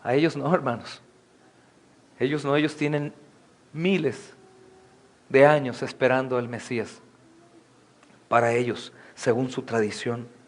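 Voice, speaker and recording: A man's voice: medium pitch, fairly even intonation, measured pace, long pauses. A male pastor preaching a sermon with fervor, often calling out to his congregation as brothers.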